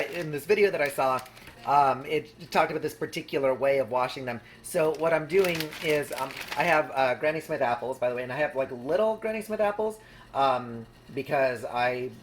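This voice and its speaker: A home baker hosting a craft project video talks through the work in a casual, unscripted, rambling way, hedging as she goes. Her voice sits at a middling pitch, and the homemade recording carries clear background noise.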